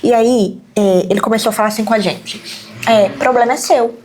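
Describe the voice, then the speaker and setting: A woman in her thirties chatting casually as a podcast host, lively as she tells stories and acts out quoted speech. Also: mid-range voice, a little fast, a little hiss or hum. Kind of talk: casual chat.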